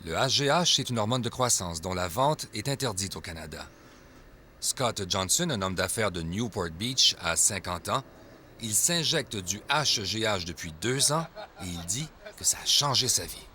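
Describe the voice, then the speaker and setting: A man narrating a television news report in a measured, even voice. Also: on the low side, slight background noise. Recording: voice-over with music behind. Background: music.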